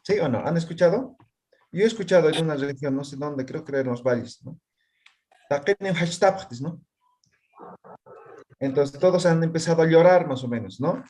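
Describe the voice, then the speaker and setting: A man's voice: on the high side, animated, normal speed, long pauses, darkish tone. A man teaching a language class, quizzing his students and checking often whether they follow. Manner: constantly checks understanding with tag questions. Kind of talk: online class.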